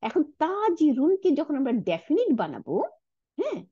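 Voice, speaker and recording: A woman giving a recorded Arabic lesson, explaining step by step and often checking understanding with a quick "right?". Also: high-pitched, huge pitch swings, mellow, no room sound, lo-fi sound. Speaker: Arabic teacher.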